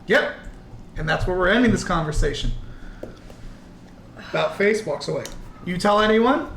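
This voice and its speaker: Higher-voiced man talking conspiratorially in character. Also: lively intonation, moderate pace, gravelly, fairly bright tone. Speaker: tabletop game player. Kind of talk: in-character tabletop role-play. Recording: echoey room with faint noise.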